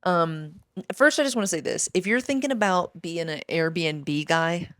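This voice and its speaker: A breathless woman rants through a casual comedy podcast, rambling and swearing between gasps. Her voice sits a little low. The sound is dry and close, taken on a handheld mic in a makeshift hotel-room studio. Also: measured pace, a bit bright, no room sound. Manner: rambling, profane, ranting with laughs. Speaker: podcast co-host.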